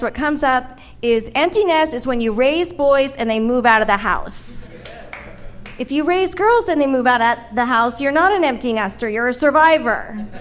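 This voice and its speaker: A woman in her fifties doing a stand-up comedy set on a club stage, delivering punchlines deadpan with playful self-mockery. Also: fairly high pitch, a little hiss or hum. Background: audience laughter.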